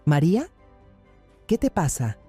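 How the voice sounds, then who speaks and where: A man voicing a fierce, loyal older woman baker in a storybook narration, talking with forceful determination. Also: a little high, very animated, a little slow, slightly rough, soft background music, pitched above the performer's own voice, exaggerated voice. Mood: worried.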